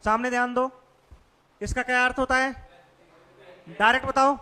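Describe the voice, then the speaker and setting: A man's voice: very high voice, flat delivery, brisk, bright, forceful tone, clean tone, big-room sound. A male teacher giving a classroom vocabulary lesson, quizzing students with repeated questions. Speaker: English teacher.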